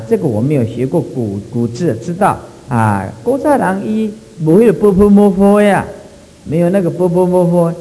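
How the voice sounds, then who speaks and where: A man with a Taiwanese accent giving a Buddhist sutra lecture, stretching his phrases, peppering them with drawn-out fillers and slipping into Hokkien. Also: on the high side, warm tone, big-room sound, rough recording. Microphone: microphone.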